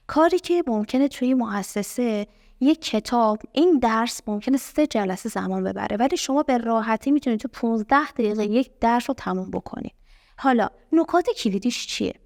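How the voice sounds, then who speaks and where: Higher-voiced woman teaching English. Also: darkish tone, no room sound, studio quality. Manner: patient, asks the class questions and repeats words slowly. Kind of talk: explaining a language lesson.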